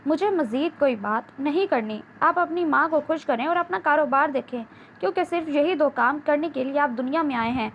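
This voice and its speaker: A woman reading the part of a defiant, angry young wife in an audiobook novel, with a sharp, scolding delivery. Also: high-pitched. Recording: dull lo-fi with faint hiss.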